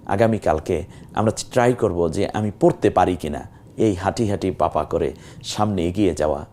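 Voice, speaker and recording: A man teaching a Quran reading class, who explains each rule step by step, asks and answers his own questions, and draws out the vowels slowly when he demonstrates. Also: deep voice, dark tone, slight background noise. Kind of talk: televised Quran reading lesson.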